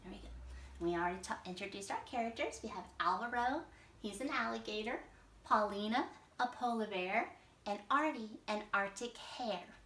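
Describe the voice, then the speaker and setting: A woman's voice: mid-range voice, normal speed, a bit bright. A woman teaching kindergarteners, patiently explaining a story step by step in a read-aloud lesson. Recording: echoey room, mic at a distance.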